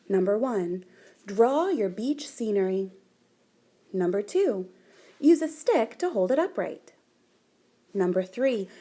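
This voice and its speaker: Reading a children's picture book out loud, this storybook reader uses a slightly high voice and an animated, deliberate delivery full of dramatic emphasis.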